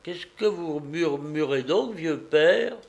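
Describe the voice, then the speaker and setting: A man reading aloud and voicing an excitable male spectator shouting at a fight. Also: a little high, takes it slowly, gravelly, voice pushed up, heavily acted. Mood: excited.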